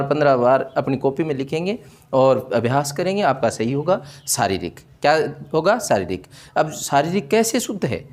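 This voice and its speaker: Man, teacher, animated pitch, question-and-answer drilling, classroom lesson. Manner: asks rhetorical questions, answers them by repeating the word slowly. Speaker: Hindi teacher. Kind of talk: classroom-style spelling lesson.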